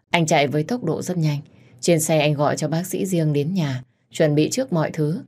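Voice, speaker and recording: A woman narrating a dramatic romance story in the first person, steady and expressive. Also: low voice.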